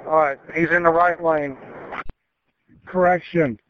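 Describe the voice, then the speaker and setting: A man's voice: on the high side, fairly even intonation, measured pace, dry recording. Man calling a chase over police radio. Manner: clipped, matter-of-fact updates. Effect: police radio transmission. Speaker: police officer in pursuit. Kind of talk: terse radio calls. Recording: muffled radio with faint static.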